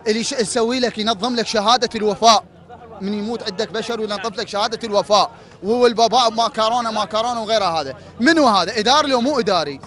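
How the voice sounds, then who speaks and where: Outdoors at a street protest, with a faint crowd audible, a man with an Iraqi Arabic accent who works in hospital administration pleads passionately and keeps repeating rhetorical questions. He speaks quickly in a high, slightly bright voice.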